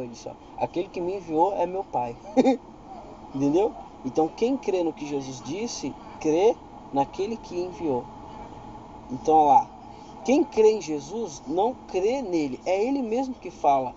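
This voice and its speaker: This preacher, who has a Brazilian Portuguese accent, reads Bible verses aloud with mounting emphasis in an informal teaching, frequently asking if you follow. His fairly high voice has a dark tone, and the audio lacks its highs and carries a faint hiss or hum.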